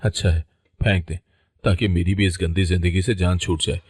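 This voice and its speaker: A man's voice: low voice, flat delivery, normal speed, breathy edge, dry recording, clean studio sound. A man voicing a frightened, tearful teenage bride in a story. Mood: bitter. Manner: pleading, tearful.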